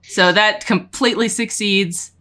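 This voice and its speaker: A woman narrating a tabletop game as game master, describing the action in a halting way with many restarts. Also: medium pitch, steady tone, sharp tone, a little hiss or hum.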